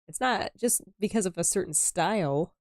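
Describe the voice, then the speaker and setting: A woman's voice: lowish voice, expressive, moderate pace. A woman co-hosting a gaming stream in casual chat, quizzical and playfully skeptical. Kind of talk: casual chat while playing.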